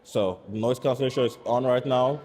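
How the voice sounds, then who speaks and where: A man reviewing gear in a steady, explanatory way, his voice heard through a wireless mic's noise cancellation with processing artifacts. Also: mid-range voice, brisk. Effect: noise-cancelled through a wireless mic, with processing artifacts. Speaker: product reviewer. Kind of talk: casual tech review walkthrough.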